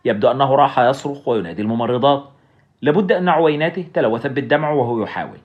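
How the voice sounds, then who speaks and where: A man narrates an audiobook story at a brisk clip. His telling is steady and dramatic, and his voice sits at a middle pitch. The recording sounds dull and lo-fi.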